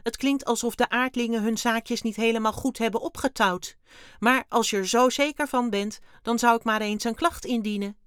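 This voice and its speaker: A woman's voice: on the high side, fairly even intonation, normal speed, a bit bright, clear, resonant tone, dry recording, studio quality, pitched above the performer's own voice, natural voice. A woman reading a children's story aloud, voicing a cheerful, small, hairy blue alien with chirpy, odd turns of phrase. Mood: chirpy, eager.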